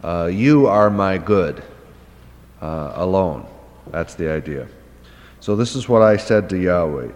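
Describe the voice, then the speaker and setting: In a hall full of long reverb, a low-voiced man teaching the Hebrew Bible lectures unscripted and unhurried, his intonation lively and a little mellow. He thinks out loud with frequent "uh"s and "um"s, asking questions before answering them to explain terms.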